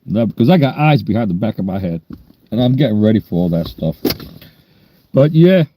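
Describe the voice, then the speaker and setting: A man's voice: fairly low pitch, sing-song, fairly quick, dark tone, no room sound. A man, chatting bluntly and rambling on a livestream. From New York. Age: 60s. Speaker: livestream host. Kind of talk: casual livestream chat.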